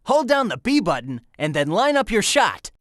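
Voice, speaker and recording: Sonic, lively cocky young hedgehog hero. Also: male voice, sits high, moderate pace, no room sound, studio quality. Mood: instructive. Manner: breezy, slangy, encouraging. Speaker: in-game tutorial guide. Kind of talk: video game voice acting.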